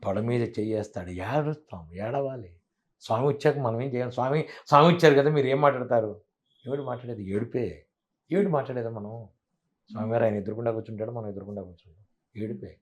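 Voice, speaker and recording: A man's voice: medium pitch, fast. A man speaking as a spiritual teacher in a devotional interview, emphatic and preachy, asking many rhetorical questions.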